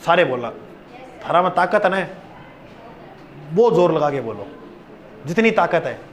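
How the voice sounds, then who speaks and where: A male teacher giving a classroom lecture, loud and playful, drilling students with call-and-response chants. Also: fairly high pitch, very animated, a little slow.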